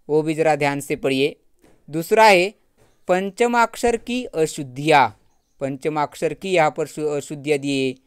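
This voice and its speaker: A middle-aged man teaching Hindi grammar, taking his time and reading words from a list one by one. His voice is smooth and clear, recorded close and dry. He often says a point twice. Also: a little high, no room sound. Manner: reads word lists aloud and repeats points. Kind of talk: grammar lesson.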